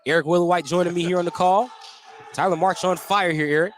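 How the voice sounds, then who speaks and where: Speaking quickly in a steady, high-pitched voice, an American man gives clipped live radio commentary on a basketball game. There's slight background noise from the indoor gym.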